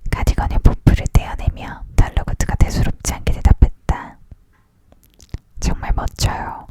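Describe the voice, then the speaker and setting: A person leaning in to whisper a storybook aloud as a whispered ASMR reading, entirely unvoiced. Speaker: audiobook reader.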